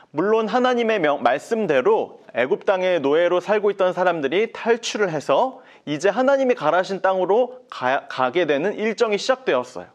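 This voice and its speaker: A male pastor telling a Bible story to children, animated and asking his listeners questions. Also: high voice.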